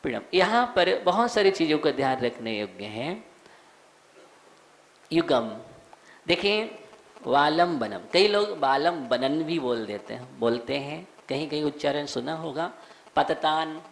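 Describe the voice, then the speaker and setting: A man, a monk, teaching the recitation of a devotional verse, slowly sounding out each word and asking listeners to repeat. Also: a little high, animated, creaky. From India. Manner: slow, repeats words, quizzes listeners; chants verses in a sung tone. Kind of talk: recitation and pronunciation lesson.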